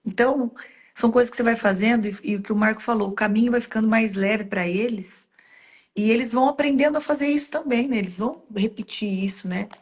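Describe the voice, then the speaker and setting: A woman's voice: fairly high pitch, fast talker. A woman hosting a faith-based conversation, telling stories earnestly and making heartfelt direct appeals to the listener. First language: Portuguese. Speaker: host.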